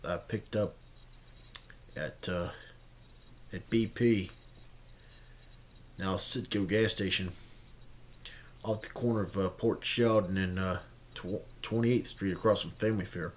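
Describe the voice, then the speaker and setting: A young adult man reviews a snack in a casual, low-key way, speaking haltingly and hesitantly but in a steady tone. He's indoors in a small room at home, filmed on an amateur camera at about arm's length, with faint background noise.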